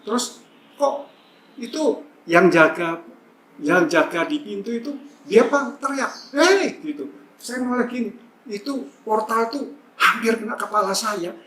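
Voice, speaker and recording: A man's voice: high-pitched, measured pace, pauses often, fairly bright tone. A man casually telling a personal testimony at a church service, rambling with many fillers. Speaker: church member giving a testimony. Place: church hall. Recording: echoey church hall, faint hum.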